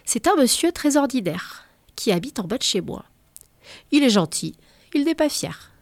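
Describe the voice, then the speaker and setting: Lively woman reading a children's story. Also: sits high, normal speed. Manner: lively, playful, voices the greetings. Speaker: storybook reader. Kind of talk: children's picture book read aloud.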